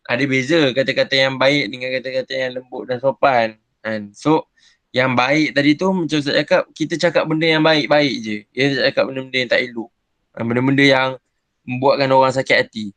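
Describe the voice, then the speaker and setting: A man with a Malaysian Malay accent teaches young children over a video call, joking and checking in with "kan?" after nearly every point. His voice sits at an ordinary middle pitch and sounds close and dry, with no room around it. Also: a bit bright, no room sound. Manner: chatty, teasing, keeps asking "kan?"; acts out silly examples with a chuckle. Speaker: religious teacher. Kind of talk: online class lesson for young pupils.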